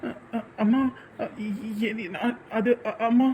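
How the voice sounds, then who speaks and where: A man's voice: high voice, steady tone, slow, heavy background noise. An actor playing a grown son who stammers and hesitates before his mother in a family drama. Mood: nervous.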